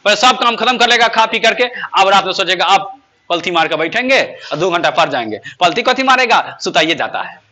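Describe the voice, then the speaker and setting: A man teaches grammar to a class. His voice sits high and sounds sharp and forceful. He peppers his pupils with questions and slows right down to stress each English example sentence. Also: expressive. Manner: asks pupils constant rhetorical questions; says English example sentences slowly and emphatically.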